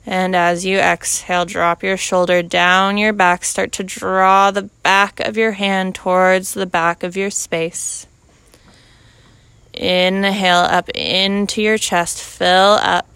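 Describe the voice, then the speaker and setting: A woman leads a guided yoga class in a slightly low, exceptionally smooth voice. She speaks very slowly and calmly, laying out each instruction in short, measured phrases. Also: no echo. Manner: calm, unhurried cueing in short measured phrases.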